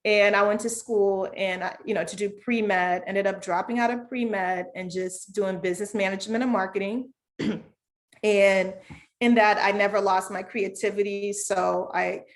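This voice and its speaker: Woman from zambia, children's author, relaxed chatty answers, video call. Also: medium pitch, measured pace. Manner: relaxed, conversational, many fillers. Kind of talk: reading aloud and interview answers.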